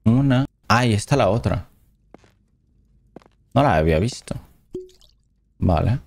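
Slow-talking man playing a horror game. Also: lowish voice, expressive, a little mellow, a little hiss or hum. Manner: reads game dialogue aloud between casual reactions. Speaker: gameplay commentator. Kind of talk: let's play commentary.

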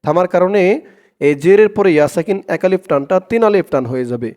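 A man with a Bangladeshi accent teaching Quran recitation, spelling out Arabic syllable by syllable and chanting the phrases in long drawn-out tones. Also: high-pitched, lively intonation, a little mellow. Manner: slow, drawn-out chanting of the Arabic phrases, plain spoken explanations.

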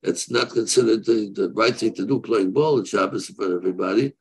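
Old rabbi guy in his 70s, croaky husky voice, halting, repeats himself while answering questions on a video call. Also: lowish voice, rough recording. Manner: halting, repeats and rephrases, weighing both sides. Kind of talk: unscripted religious question-and-answer. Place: room, seated on a video call. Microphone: video call microphone.

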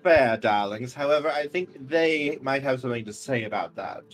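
A man's voice: mid-range voice, animated, normal speed, natural voice. A man voicing a flamboyant, schmoozing movie-producer type with effusive, theatrical patter in a tabletop game. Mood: breezy, schmoozing. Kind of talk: tabletop role-play. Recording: music behind the voice.

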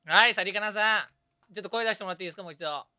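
A man hosting a game stream in an animated, teasing way and laughing often. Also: high voice, very fast. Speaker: host.

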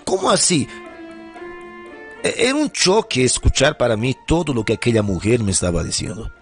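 A man's voice: medium pitch, huge pitch swings, fairly quick. A man narrating his own story in a confessional, agitated way, with music behind. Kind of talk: dramatized true-story narration.

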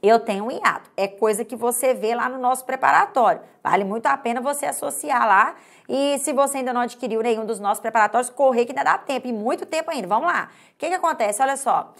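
A woman's voice: on the high side, vocal fry, a bit bright. Chatty Brazilian woman teaching grammar. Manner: pauses and hurries unevenly. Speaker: Portuguese language teacher. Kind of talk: online exam-prep grammar lesson.

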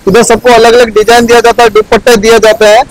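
Casting: young man, high-pitched, plain step-by-step explainer, big factory floor, clip-on mic. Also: level tone, quick pace, a little hiss or hum, poor audio. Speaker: factory guide. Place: large indoor garment factory floor.

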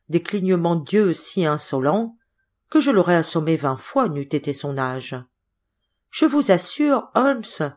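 Low-voiced woman reading an audiobook. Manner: steady, expressive reading. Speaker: audiobook narrator. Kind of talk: scripted literary narration.

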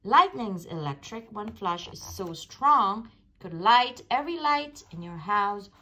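This woman reads aloud from a rhyming children's picture book in a mid-range voice, giving it a deliberate, expressive sing-song delivery for little kids. The audio quality is poor.

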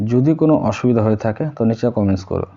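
A man's voice: fairly low pitch, lively intonation, fast, dark tone. Bengali man teaching words, dull recording. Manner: repeats words, checks understanding with frequent tag questions. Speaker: language teacher. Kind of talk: casual spoken lesson.

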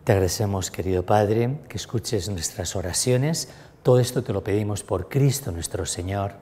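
Give me a priest leading Mass with solemn, measured prayers in a church with a long reverb. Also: male voice, lowish voice, mellow, breathy edge. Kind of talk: celebrating Mass.

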